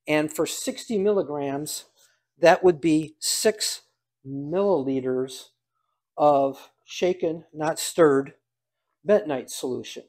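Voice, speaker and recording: Older man, slightly high voice, folksy, dry humor, casual how-to demonstration. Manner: folksy, dryly humorous, thinking out loud. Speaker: home cider maker demonstrating. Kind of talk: casual hands-on demonstration, talking aloud.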